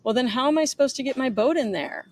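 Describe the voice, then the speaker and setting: A woman's voice: medium pitch, lively intonation, moderate pace, a little hiss or hum, lightly acted. A woman reading aloud the lines of a pushy man calling on a boat radio, her quoting voice slightly raised. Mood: insistent.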